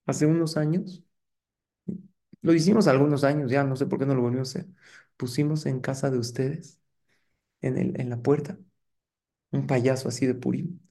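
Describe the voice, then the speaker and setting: Engaging rabbi preaching. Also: male voice, medium pitch, steady tone, moderate pace, vocal fry, pauses often, mellow. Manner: engaging, asks the audience rhetorical questions. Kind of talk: lively sermon to a congregation.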